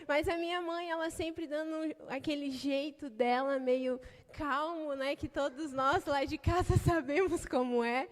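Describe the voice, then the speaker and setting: A young woman with a Brazilian Portuguese accent delivers a sermon with an opening prayer, speaking in a chatty, conversational way and often adding tag questions. Her high-pitched, slightly mellow voice carries a big-room sound.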